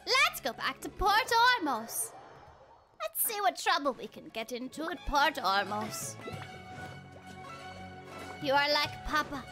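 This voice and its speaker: Her high, sing-song voice moves slowly with long pauses, over music, as a young woman chats on a livestream during a game in a small indoor room. She's a streamer and voice actor, exuberant and playful, theatrically performing bits of quotes.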